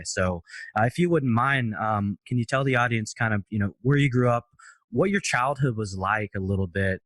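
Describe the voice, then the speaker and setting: A man's voice: fairly low pitch, no room sound. A man hosting a podcast, asking long, friendly, rambling questions. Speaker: podcast host. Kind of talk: casual interview questions.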